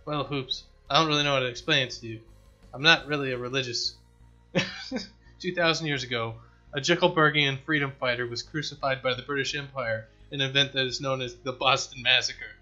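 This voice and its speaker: A man voicing a wise, formal cyborg dwarf companion who explains lore in a measured way. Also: medium pitch, steady tone, pushed and bright, muffled recording, faint music behind. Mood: calm. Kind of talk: reading game dialogue aloud.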